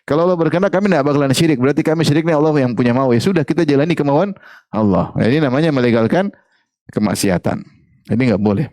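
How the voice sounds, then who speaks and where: Quick-paced and mid-range in pitch, a man delivers an Islamic religious study lecture with a lively, joking teaching tone, repeating key phrases and often questioning his audience. There's no echo on the recording.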